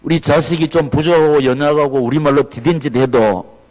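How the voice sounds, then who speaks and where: A male pastor preaching a sermon in a church, his voice climbing to shouted exclamations of praise. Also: a little high, steady tone, brisk. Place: church sanctuary. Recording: long reverb of a church hall.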